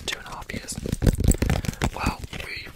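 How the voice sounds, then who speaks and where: Whispering young British man, ASMR. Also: unhurried. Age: young adult. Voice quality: breathy unvoiced whisper. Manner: rambling, casual, confiding. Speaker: ASMR video host.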